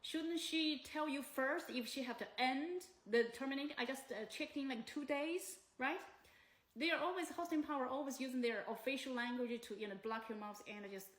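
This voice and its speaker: A woman's voice: high voice, moderate pace, fairly bright tone. Indignant Chinese-accented woman, echoey room. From China. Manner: indignant, agitated, broken English. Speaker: complainant telling her story. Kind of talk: emotional personal account.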